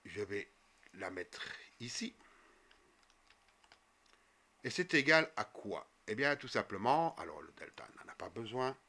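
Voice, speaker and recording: A man walking viewers through a coding tutorial step by step as he types, with frequent fillers and quick self-corrections. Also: lowish voice, sing-song, gravelly, sharp tone. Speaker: programming tutor. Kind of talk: screen-recorded coding tutorial.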